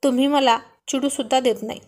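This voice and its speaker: A woman's voice: sits high, steady tone, brisk, darkish tone, close to an everyday voice. A woman voicing a sulky, loving young wife pleading with her husband in a Marathi storybook reading. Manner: pleading and coaxing.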